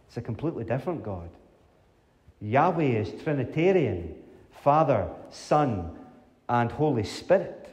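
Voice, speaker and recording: A middle-aged male pastor giving a sermon, slow and emphatic, asking the congregation rhetorical questions, recorded from the back of a church hall. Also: mid-range voice, dark tone. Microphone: far camera at back of church. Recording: reverberant church hall from a distance.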